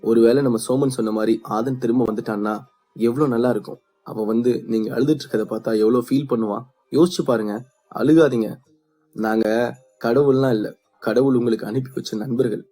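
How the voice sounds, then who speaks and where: A man doing a calm, kind young trainer. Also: medium pitch, a little fast, husky, faint music behind, lightly acted.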